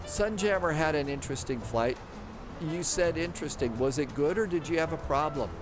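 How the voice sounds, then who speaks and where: A man hosts a live flight-sim stream, reading viewer comments and rambling casually as he thinks aloud. His voice is on the high side, animated and brisk, with clear background music.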